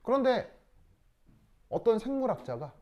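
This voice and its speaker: A man's voice: very high-pitched, measured pace, dull audio. A man lecturing a classroom, quizzing and teasing his students as he explains. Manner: lively, teasing, asks students questions. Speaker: teacher.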